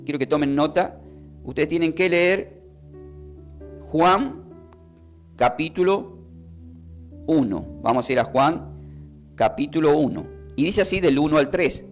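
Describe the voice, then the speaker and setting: A man's voice: on the high side, a little slow, long pauses, soft background music. A man, preaching a live-streamed sermon as a pastor and explaining word meanings step by step. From Argentina.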